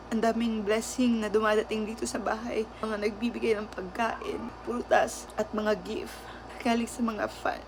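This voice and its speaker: A woman vlogger speaking slowly and heartfelt to her viewers, thanking them. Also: medium pitch. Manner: slow and heartfelt, grateful. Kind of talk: casual vlog talk. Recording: noisy home recording.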